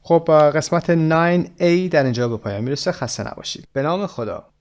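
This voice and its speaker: A man with a Persian accent, a native Persian speaker, teaching an English textbook lesson. He draws out the English phrases slowly and rattles off the Persian explanations quickly. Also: fairly high pitch, expressive, a little mellow. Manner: slow, drawn-out English phrases.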